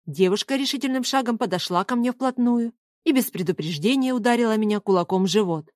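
A woman reading a first-person story as an audiobook narrator, in an even storytelling manner. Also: on the high side, fast talker, no room sound, clean studio sound.

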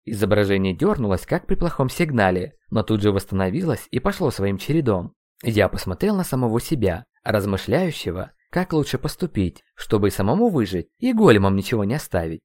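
A man reads a first-person audiobook in a fairly low, lively voice that rises and falls often. The recording is dry and close, and his tone is wry. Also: brisk, no echo. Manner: expressive, ironic. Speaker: audiobook narrator.

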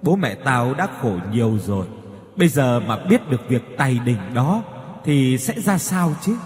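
A man's voice: medium pitch, sing-song, unhurried. A man voicing the ghost of a young man who died wronged, speaking with bitter grief and gritted teeth over faint music in a reverberant space.

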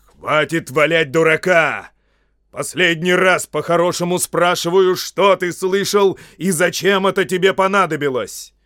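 A man's voice: medium pitch, very animated, measured pace, no echo, studio quality. A man voicing a stern old male wizard who speaks in a commanding manner, in an audiobook.

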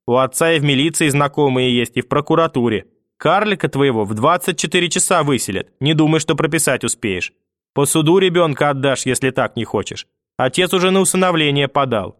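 A man's voice: mid-range voice, fairly bright tone, no echo, studio quality, lightly acted. A man voicing a furious old grandmother who spits curses and threats in a raised, strained voice. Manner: venomous, screaming curses. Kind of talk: audiobook character voice.

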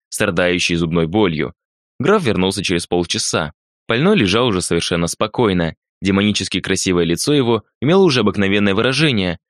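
A man narrating a classic novel aloud in a steady, dramatic reading. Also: lowish voice, dry recording, clean studio sound. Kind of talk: audiobook narration.

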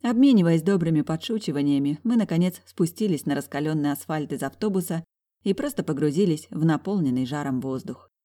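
A woman narrating a first-person audiobook, reading the dialogue with emotional, expressive delivery. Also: low-pitched, brisk.

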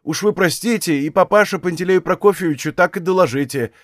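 A man's voice: high-pitched, a little fast, dry recording, studio quality, voice pushed up, close to an everyday voice. A man reading an audiobook, voicing a fawning elderly village postmaster who pleads and apologizes. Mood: pleading.

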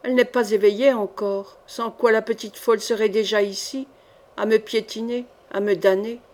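A woman's voice: mid-range voice, fairly even intonation, moderate pace, a little mellow, close to an everyday voice. Woman reading as a distraught wounded mother. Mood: tender. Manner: pleading, distraught. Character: frightened wounded young mother searching for daughter.

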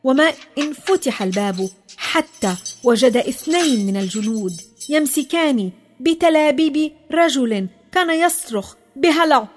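A woman narrating a children's story, expressive and dropping low in the sad parts. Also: moderate pace, faint music behind.

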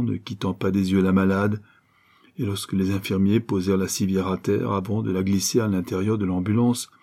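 A man reading a classic novel aloud in steady, even narration. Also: fairly low pitch, husky. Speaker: audiobook reader.

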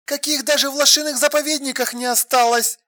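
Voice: sits high, a little fast, voice pushed up. An audiobook reader voicing an exasperated adult woman on the phone, insistent and demanding. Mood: furious. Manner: insistent, sharp, then drained and flat. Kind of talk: audiobook dialogue.

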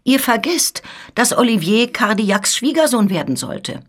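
A woman's voice: a little high, big pitch swings, moderate pace, voice pushed up. A woman reading the part of an upright older noblewoman, pleading and indignant, in a radio reading of a story. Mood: astonished.

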